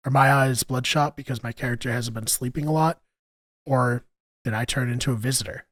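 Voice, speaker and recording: A man delivers scripted review narration as a channel host. His voice sits at an average pitch, and he explains things in a measured way. The sound is close and dry, with very little room in it. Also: dry recording.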